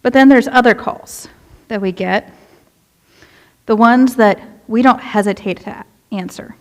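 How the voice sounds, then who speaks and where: A fairly high-pitched young woman, a youth minister, takes her time as she preaches a casual sermon in a church sanctuary. Her style is chatty and relatable, and she asks the congregation questions.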